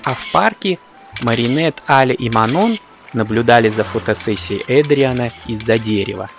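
A man's voice: medium pitch, expressive, moderate pace, vocal fry, over music. A man reading scripted narration as a composed cartoon storyteller. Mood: matter-of-fact.

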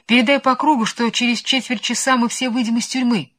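A woman's voice: fairly high pitch, steady tone, fairly quick, pitched above the performer's own voice. Woman doing Chipollino, an eager onion boy. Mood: urgent. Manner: urgent, hushed. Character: brave young onion boy, eager leader.

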